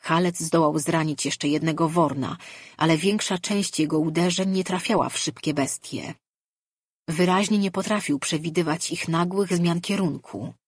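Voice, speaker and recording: Husky voice, dry audiobook narration. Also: mid-range voice, no room sound. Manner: measured, even storytelling. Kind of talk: scripted fantasy narration.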